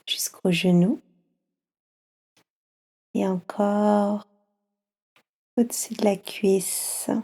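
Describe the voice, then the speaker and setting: A French-accented woman guides children through slow yoga nidra, her voice soft and soothing and broken by long pauses. The pitch is medium and the delivery flat.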